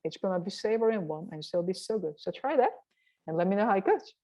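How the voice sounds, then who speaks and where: A woman's voice: medium pitch, expressive, fast, warm tone, low-quality recording. A woman from Korea, giving a chatty, encouraging cooking tutorial and often asking "right?". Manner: chatty and encouraging, asks frequent rhetorical "right?". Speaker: health and cooking vlogger.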